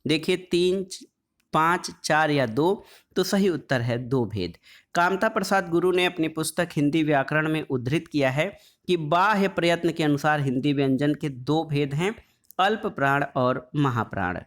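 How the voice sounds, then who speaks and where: A man teaching an exam-prep lesson on Hindi phonetics, reading quiz questions and then explaining the answers, drawing out letter sounds slowly as he lists them. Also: fairly high pitch, a bit bright. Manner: draws out sounds slowly when listing letters; calls the audience "friends".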